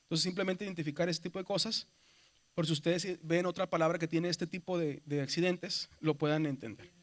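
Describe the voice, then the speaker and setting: A seminary lecture comes from a Mexican man with a Mexican Spanish accent, speaking briskly in a slightly high, steady tone. He takes his students, whom he calls "hermanos," through the material step by step and regularly checks with "¿verdad?"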